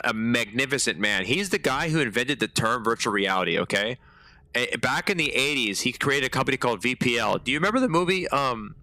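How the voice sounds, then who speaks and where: A man streaming a game live, chatting with viewers in slangy, animated storytelling. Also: on the low side. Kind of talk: live gameplay commentary.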